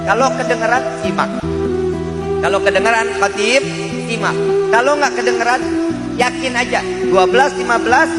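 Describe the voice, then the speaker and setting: A man's voice: very high voice, moderate pace, pauses often. A man preaching and teaching a devotional practice, repeating phrases and quizzing his listeners. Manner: repetitive, quizzing the audience. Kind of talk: religious teaching. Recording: echoey hall with loud music.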